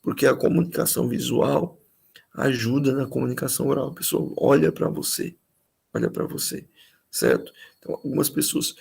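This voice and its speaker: Gravelly, husky-voiced pastor teaching. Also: male voice, mid-range voice, moderate pace, a little mellow, poor audio. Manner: conversational, repeats key phrases for emphasis. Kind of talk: teaching tips on preaching. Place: live-streamed church talk.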